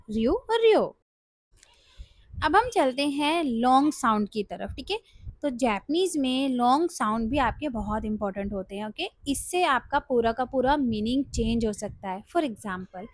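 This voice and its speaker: Female teacher, high pitch, patient step-by-step classroom explainer, checks in often. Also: dry recording, clean studio sound. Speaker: Japanese language teacher.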